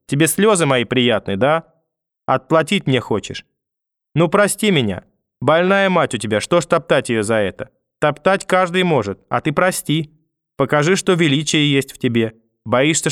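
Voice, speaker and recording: A man's voice: medium pitch, no room sound, studio quality, close to an everyday voice. A man voicing a hysterical, manipulative old grandmother who wails, pleads and curses through a door in an audiobook reading. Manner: wailing, pleading then cursing through a door.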